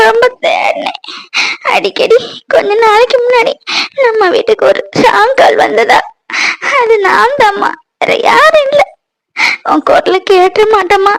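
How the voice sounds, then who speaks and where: A woman's voice: extremely high pitch, vocal fry, no room sound, voice pushed up, exaggerated voice, rough recording. A woman playing a young bride who cries as she begs her mother's forgiveness. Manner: sobbing, apologetic, slow. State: crying.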